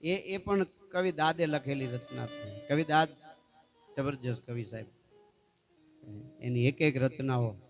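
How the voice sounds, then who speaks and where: A man's voice: medium pitch, unhurried, long pauses, faint music behind. A man, a folk storyteller at a festival gathering who keeps asking his audience "hey?" as he talks. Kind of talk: folk storytelling with sung verses.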